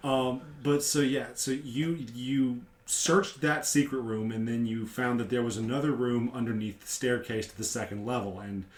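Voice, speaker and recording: A man's voice: medium pitch, fairly even intonation, moderate pace, hardly any pauses. Echoey-sounding man recapping a tabletop game. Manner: explanatory, retelling events step by step. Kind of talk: casual recap conversation. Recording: echoey room.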